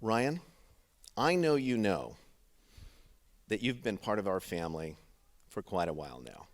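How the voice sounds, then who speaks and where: A middle-aged man giving a heartfelt father of the bride speech to wedding guests, in deliberate, paused phrases. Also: on the low side, sing-song.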